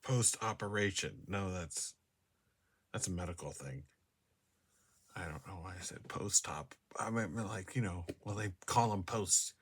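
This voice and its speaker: A vlogger with a low, slightly rough voice speaks a little slowly to his device's camera mic in an indoor room. He rambles casually, hesitates with lots of fillers and restarts, and often laughs at himself.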